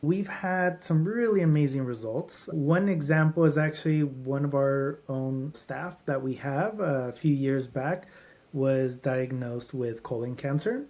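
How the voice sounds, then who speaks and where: A man's voice: medium pitch, a little slow, a little mellow. A man who is a doctor at a holistic clinic, a guest on a podcast, explaining treatments in runs of lists with frequent restarts.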